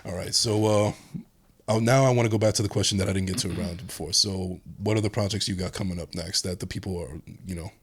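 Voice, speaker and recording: Deep-voiced podcast guy, rapid-fire, says it how it is. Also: fairly even intonation, breathy edge. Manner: blunt, swears freely. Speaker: podcast host. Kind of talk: casual podcast conversation. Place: podcast studio.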